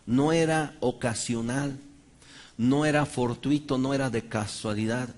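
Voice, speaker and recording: A man's voice: mid-range voice, unhurried, a little mellow. A man preaching a sermon, emphatic and dramatizing Bible stories.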